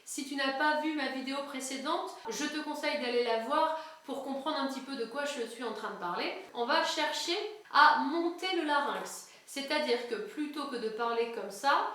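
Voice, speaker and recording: A woman's voice: high-pitched, normal speed, fairly bright tone. A woman giving an online singing lesson, explaining step by step to the viewer in a friendly, informal way and breaking into short sung examples. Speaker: singing teacher. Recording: very echoey room, faint music.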